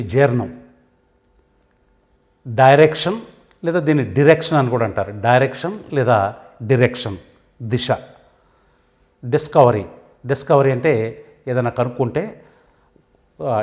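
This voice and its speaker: A man with a Telugu accent teaching an English vocabulary lesson, saying each word and then giving its meaning, with pauses between items. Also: mid-range voice, darkish tone.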